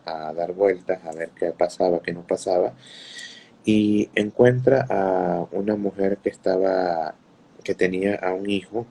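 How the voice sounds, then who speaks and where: Low gravelly-voiced male preacher. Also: warm tone, a little hiss or hum. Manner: unhurried, repeats words while searching for them; greets listeners mid-talk. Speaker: Islamic preacher. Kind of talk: religious storytelling talk.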